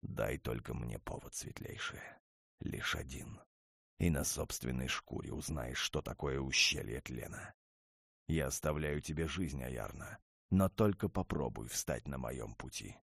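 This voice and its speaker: A man voicing a commanding male dragon lord in an audiobook, speaking in a low, measured, restrained way. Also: creaky, darkish tone, no room sound, studio quality. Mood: cold.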